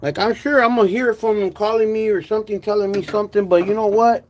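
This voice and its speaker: A man with a slurred, wet lisp from missing front teeth, chatting casually and haltingly in slangy speech as a car vlogger. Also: sits high, steady tone, a little hiss or hum. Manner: halting, stammered repetitions with pauses to manage saliva; slangy, uses "homie" and "dog", drops in Spanish words. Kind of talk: casual livestream chat about car work.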